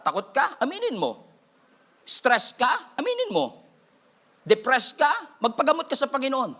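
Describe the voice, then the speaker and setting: A Filipino-accented pastor preaches with energy, mixing Filipino and English and tossing playful asides to his flock. His voice sits high for a man and rings bright and forward. The delivery is a lively sermon.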